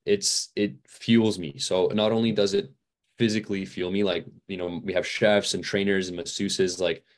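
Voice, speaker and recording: A young man with a very low, deep voice, chatting as a podcast guest. He rambles easily with lots of "like" and "uh," a touch worn out from training. Relaxed and unscripted. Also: normal speed. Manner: rambling, many fillers and restarts. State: a little fatigued. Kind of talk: casual interview chat.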